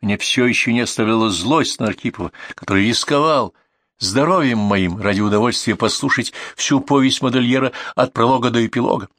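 A man reads a first-person audiobook in a measured, storytelling voice. His pitch sits mid-range and the recording is close and dry. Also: a bit bright, no room sound. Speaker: audiobook reader.

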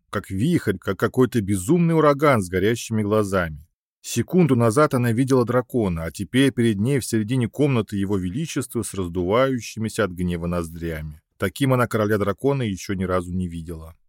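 A man reading a fantasy romance audiobook aloud in an expressive, dramatic way. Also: fairly low pitch, dry recording, clean studio sound. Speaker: audiobook narrator. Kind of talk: scripted narration of a fantasy romance.

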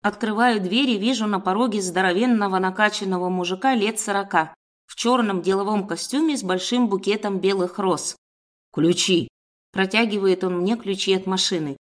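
A woman reading a first-person story aloud as narrator, in a measured, steady manner. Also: mid-range voice. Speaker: audiobook narrator.

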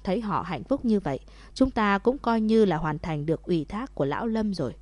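Gentle young woman in a storybook, read by a woman, mellow voice, dry sound. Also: medium pitch, lively intonation, brisk, no room sound, close to an everyday voice. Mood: soft. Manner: soft-spoken. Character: young woman, soft and loving.

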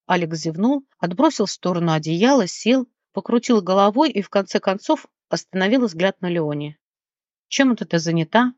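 A woman narrates a fantasy audiobook in an even, measured storytelling voice at a middle pitch. The recording is dull and lo-fi with a dry, close sound. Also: no room sound.

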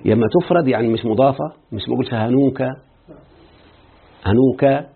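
Egyptian sheikh, quick husky grammar teacher who checks in with students, tinny phone line. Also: male voice, medium pitch. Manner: quizzing students with repeated checks. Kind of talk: explaining a grammar text to students.

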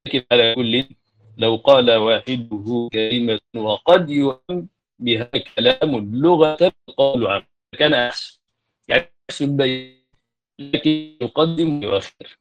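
A male teacher gives a measured classroom lecture on a grammar poem, pausing on fillers and correcting himself as he goes. He slows into a chanting cadence when he recites verses. His voice sits at a middle pitch, and the recording is dull and lo-fi. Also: faint music behind. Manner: measured, explanatory, with hesitant fillers and self-corrections.

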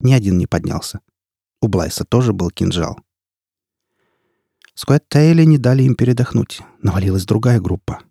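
A male narrator reads an audiobook in a measured, grave way. His voice is low and gravelly, dark and husky. The sound is dry and close to the mic. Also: animated, no echo.

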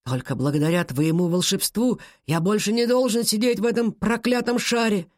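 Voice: medium pitch, normal speed, a little mellow, no room sound, clean studio sound, voice pushed up, natural voice. A storybook narrator voicing a boy magical being just freed from an enchanted ball, formal and grateful in speech. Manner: weak then grateful, formal.

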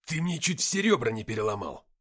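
A man voicing a young male writer, scared and then hostile, in a loud, strained, higher voice. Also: sing-song, brisk, breathy edge. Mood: angry.

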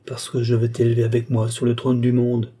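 A man's voice: medium pitch, completely flat delivery, a little fast, mellow, natural voice. A man reading the lines of a brooding, ambitious mystic in a solemn, exalted declamation. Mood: tormented. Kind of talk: audiobook character reading.

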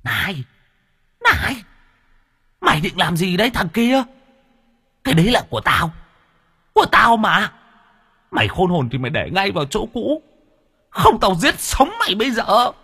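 A shrieking trapped ghost. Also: male voice, high-pitched, wildly swooping pitch, normal speed, long pauses, husky, pitched above the performer's own voice, heavily acted. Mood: threatening. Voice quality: shrieking, screeching. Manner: threatening, shouting. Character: shrill vengeful trapped ghost spirit, male.

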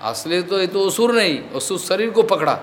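A man's voice: high-pitched, expressive, normal speed, slight background noise. A man giving a devotional discourse as a spiritual teacher, explaining with stories, slipping in English words and often asking whether his listeners have understood.

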